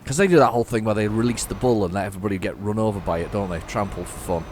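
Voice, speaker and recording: Racing along in a lowish voice over background noise, a male gaming channel host gives rambling, chatty commentary on his gameplay, frequently correcting himself as he goes.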